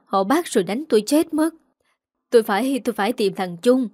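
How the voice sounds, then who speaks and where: A woman's voice: on the high side, lively intonation, brisk, darkish tone, no room sound. A woman voicing a desperate, scheming older woman who sobs and begs for mercy in a storybook reading. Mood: pleading. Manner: sobbing, pleading.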